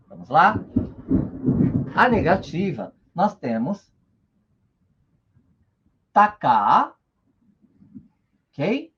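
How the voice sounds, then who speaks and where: A man's voice: sits high, big pitch swings, drawn-out words, pauses often, muffled recording, noisy background. A man teaching Japanese in an online lesson, patient and checking in often with short tags.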